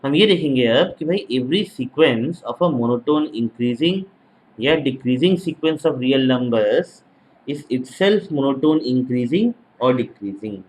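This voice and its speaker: Man lecturing at a very slow pace. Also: mid-range voice, expressive, a little mellow, a little hiss or hum, poor audio. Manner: repeats each phrase slowly as if dictating, checks in with tag questions. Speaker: mathematics teacher. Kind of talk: exam-prep lecture.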